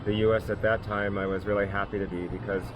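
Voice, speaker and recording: A middle-aged man from the USA talking as a guest in a casual discussion, hesitant with many pauses and restarts. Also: fairly low pitch, flat delivery. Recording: outdoor traffic noise.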